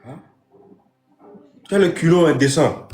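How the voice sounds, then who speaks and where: A man's voice: on the high side, measured pace, a little mellow, faint music behind. A man hosting a comic live stream as a strict father, lecturing with emphatic repetition. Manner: lecturing, emphatic, repeats phrases. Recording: roomy echo.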